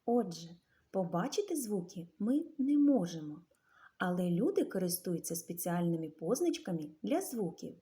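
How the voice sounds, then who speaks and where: A woman teacher giving a literacy lesson to young children, sounding out words slowly syllable by syllable. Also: on the low side, big pitch swings, warm tone.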